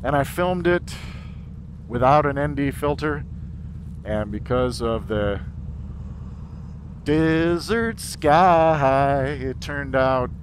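Male motovlogger, mid-pitched, slow casual narration from inside a helmet, noisy outdoor road recording. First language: English. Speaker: motorcycle vlogger. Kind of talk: casual narration while riding. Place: outdoors on a motorcycle in city traffic. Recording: road, wind and vehicle noise. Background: traffic and motorcycle ride noise.

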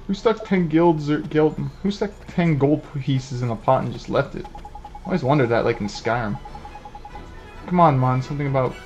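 A man's voice: a little high, moderate pace, darkish tone, dull audio, soft background music. A man giving casual let's play commentary, offhand and jokey with some swearing.

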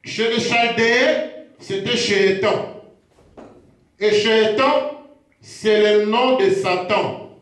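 A man preaching a teaching sermon, slow and repetitive, pausing to check himself as he goes. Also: sits high. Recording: very echoey room.

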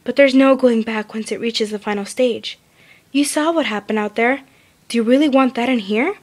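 A woman's voice: fairly high pitch, normal speed, lightly acted. A woman voicing a stern, rational female unicorn pony, firm and insistent, in a story reading.

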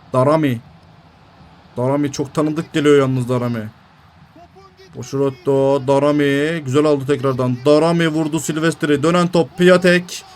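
A young man commentating his own football video game, shouting at goals and griping at the referee. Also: on the high side. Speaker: gaming YouTuber.

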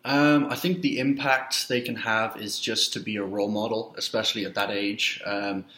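A young man in his twenties from Wales, a youth soccer coach, answering interview questions in a halting way with many fillers, recorded on a laptop webcam in a small room. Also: fairly low pitch, fairly even intonation, pushed and bright. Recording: roomy webcam audio.

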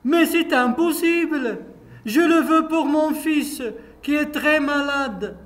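A woman's voice: high-pitched, takes it slowly, pitched above the performer's own voice. A man reading aloud, voicing a distraught mother who urgently pleads for the toy for her sick son. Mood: pleading. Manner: urgent, insistent.

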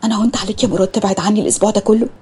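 A woman's voice: mid-range voice, steady tone, rapid-fire, a little mellow, slightly rough. Woman doing a hot-tempered young Egyptian woman. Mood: pleading. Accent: Egyptian Arabic.

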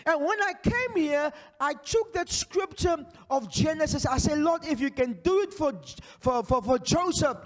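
A man from Namibia preaching a charismatic sermon on a large church stage into a handheld mic, shouting declarations and prophecies while he paces and gestures. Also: extremely high pitch, animated, moderate pace, hardly any pauses. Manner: pacing and gesturing energetically. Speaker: pastor. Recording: long hall reverb.

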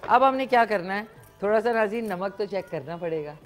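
A woman hosting a live TV cooking demonstration, chatty and animated with frequent exclamations. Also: mid-range voice, a little fast, soft background music. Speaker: morning show host. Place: TV studio kitchen set.

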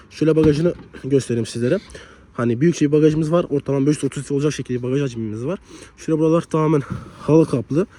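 Young guy doing a car walkaround outside, bit hoarse and sick, talks fast, faint noise behind. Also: fairly high pitch, dark tone. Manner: chatty, leans on the filler "hani". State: slightly hoarse from a cold. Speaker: car reviewer. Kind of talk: casual car review walkthrough. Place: outdoors beside a car in cold weather.

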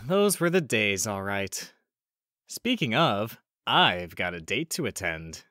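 Man voicing a suave, animated young raccoon thief, Sly Cooper. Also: fairly low pitch, slow, no room sound, clean studio sound, full character voice. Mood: wry nostalgia. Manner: smooth, teasing, self-assured. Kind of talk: fan-dub comic narration and dialogue.

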